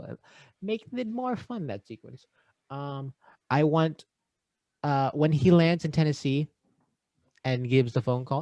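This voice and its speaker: A man co-hosting a podcast in casual chat, playful and quick to act out lines. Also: mid-range voice, a little mellow, dry recording. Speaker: podcast co-host.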